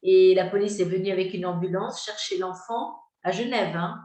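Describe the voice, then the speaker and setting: A woman recounting a story in casual conversation, talking quickly and restarting phrases as she goes. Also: medium pitch, warm tone, roomy sound, rough recording.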